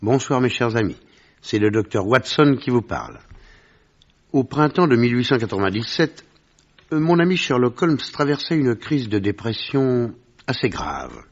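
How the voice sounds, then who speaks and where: A man playing a genial gentleman doctor who recounts his memories in a 1950s radio drama, on a dull vintage recording. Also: medium pitch, very animated, moderate pace. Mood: measured recounting.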